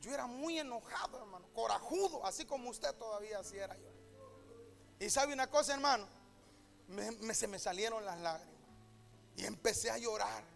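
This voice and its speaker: A male pastor preaching a sermon in a church, telling a story and rising to shouts and half-sung lines. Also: sits high, a little fast, vocal fry, faint music behind. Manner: shouting and half-singing at climaxes, retelling a story with quoted voices.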